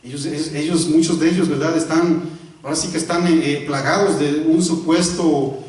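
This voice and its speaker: A man's voice: on the high side, steady tone, moderate pace, darkish tone. A male pastor preaching a sermon. He often asks the congregation rhetorical questions and repeats words for emphasis. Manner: stops to correct himself and repeats words for emphasis. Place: church. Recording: very echoey church hall, voice from a distance.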